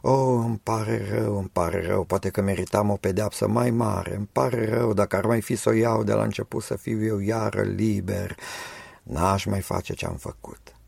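A man's voice: on the low side, fairly even intonation, vocal fry, a little mellow, breathy edge, dry recording, voice pushed up, full character voice. A man voicing a weeping, repentant male prisoner who pleads tearfully in a sermon story. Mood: remorseful.

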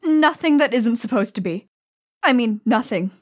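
Woman as a nervy defensive kid in an audio drama, highish voice, bit sarcastic. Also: expressive, normal speed. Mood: flustered, defensive. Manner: flustered, defensive. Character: jittery, evasive, sarcastic kid called Tink.

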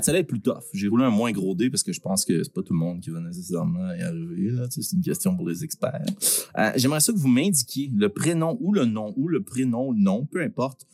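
Animated Québécois man, booming prize announcer. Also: husky, dry recording. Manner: informal, joking, swearing. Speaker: host of a live-streamed prize draw. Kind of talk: animated live giveaway hosting.

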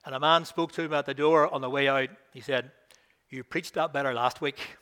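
This Belfast minister, an older man with a Northern Irish accent, delivers a sermon mixing scripture reading and anecdotes; he builds emphasis as he reads and chuckles through his stories. He speaks a little fast at a medium pitch with fairly even intonation, and his tone is bright, forceful, clear and resonant.

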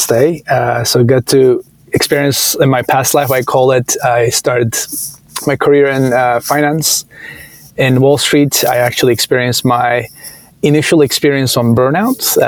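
A man from Turkey speaks with a Turkish accent at a middle pitch. He answers interview questions casually, pausing often with fillers and restarting his sentences. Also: no room sound, poor audio. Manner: hesitant, many fillers and restarts. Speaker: startup founder, guest.

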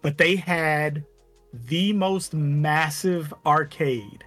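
A man with a voice a little higher than most, talking in a loose, chatty podcast conversation. He tells stories with plenty of "like" and "you know". Faint music plays underneath. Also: steady tone, very slow, a bit bright. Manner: storytelling, chatty with many "like" fillers. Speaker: podcast co-host. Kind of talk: casual chat.

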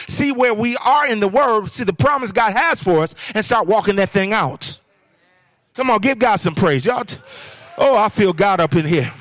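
A man's voice: sits high, a bit bright, dry recording, studio quality. A man preaching a sermon as guest speaker, questioning the crowd and rising into sing-song phrases. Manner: call-and-response preaching, sing-song rises.

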